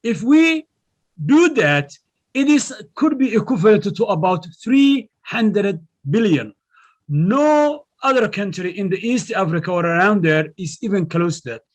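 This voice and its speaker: Male academic guest, higher-pitched voice, measured and emphatic. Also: animated. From Somalia. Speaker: guest economics professor. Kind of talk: formal interview answers.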